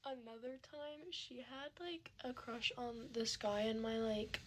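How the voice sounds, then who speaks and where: A woman telling a rambling storytime while getting ready, soft-spoken with many fillers, recorded on a phone set back from her. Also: fairly high pitch, steady tone, unhurried, slight background noise. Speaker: vlogger.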